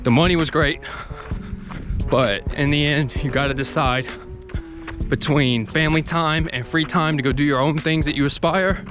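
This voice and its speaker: Higher-pitched man vlogging while jogging. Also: fairly even intonation, normal speed. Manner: talking while jogging, effortful. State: exerting, working up a sweat. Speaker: video creator vlogging about the channel. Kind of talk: casual unscripted vlog monologue. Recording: music behind the voice.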